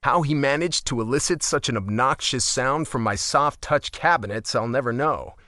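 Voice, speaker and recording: A man narrating a romance audiobook in the first person, expressive and wry. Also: mid-range voice, moderate pace, dry recording, studio quality.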